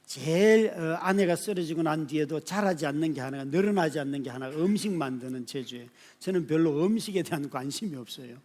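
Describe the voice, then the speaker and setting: Man, pastor, fifties, high voice, storytelling sermon, quiet asides, sudden loud bursts. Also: a little fast, hardly any pauses. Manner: speaks to the congregation directly, often asking "right?".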